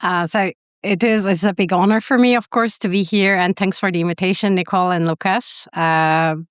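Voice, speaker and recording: A woman's voice: mid-range voice, fairly even intonation, moderate pace, smooth, dry recording, clean studio sound. A woman from Turkey, a guest on a podcast interview, answering hesitantly with many fillers and restarts. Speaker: guest, prosthodontist and university faculty member.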